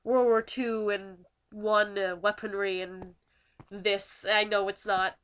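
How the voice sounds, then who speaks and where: A woman's voice: medium pitch, flat delivery, slow pace, fairly bright tone, clear, resonant tone. A teenage girl with a nasal, stuffy voice, narrating a school project video in a chatty, self-deprecating way. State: stuffy nose from a winter cold. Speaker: student YouTuber.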